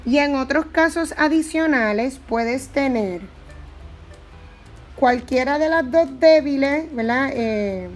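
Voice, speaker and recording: A woman's voice: high voice, slow, soft background music. A woman teaching a Spanish grammar lesson, explaining patiently and repeating her examples.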